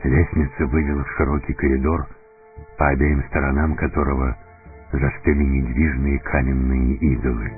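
A man narrating a fantasy story in deliberate, dramatic scripted audiobook style. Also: very deep voice, little pitch movement. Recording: narrow phone-like sound, faint music.

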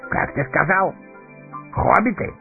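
A man doing a gruff horse-lord captain, raised raspy voice, gravelly, tinny recording, faint music. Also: on the high side, expressive, normal speed, voice pushed up. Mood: proud. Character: proud blunt male horse-lord captain. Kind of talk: audiobook character voice.

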